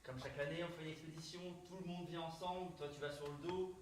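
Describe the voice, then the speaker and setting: A man's voice: a little high, fairly even intonation, quick pace, close to an everyday voice. Man playing a fussy expedition leader. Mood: exasperated. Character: bossy man leading the yearly expedition. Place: stage performance. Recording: very echoey noisy stage, mic far off.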